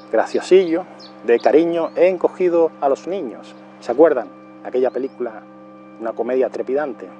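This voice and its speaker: A middle-aged man giving a film review as a monologue, speaking deliberately and repeating titles and years for emphasis. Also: medium pitch, mellow, highs cut off.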